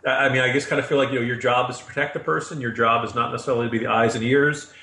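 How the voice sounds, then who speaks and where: A man's voice: mid-range voice, steady tone, racing, sharp tone, a little hiss or hum. A man giving wry, sarcastic commentary as a regular guest on a news discussion show. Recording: roomy echo.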